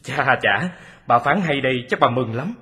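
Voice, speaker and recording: A man playing an excitable, grateful lawyer who questions the detective eagerly in a radio drama. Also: mid-range voice, normal speed. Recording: long hall reverb.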